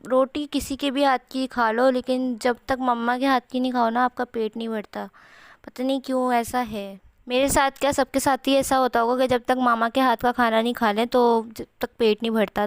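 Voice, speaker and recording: Young woman vlogger with a sore throat, smooth, steady voice. Chatty, rambling voice-over, dry close mic. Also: on the high side, no room sound. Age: young adult. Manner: chatty, rambling, many fillers. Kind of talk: home cooking vlog voice-over.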